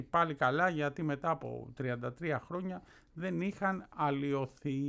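A man's voice: fairly high pitch, vocal fry, a bit bright, clean tone. Chatty male radio host. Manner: chatty, lots of filler "έτσι". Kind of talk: casual chat, presenting a film clip.

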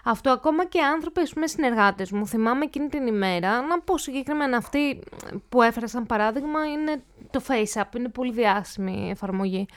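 A woman's voice: fairly high pitch, expressive, clear, resonant tone. A woman speaking as a cybersecurity expert guest in an interview, explaining risks through everyday examples.

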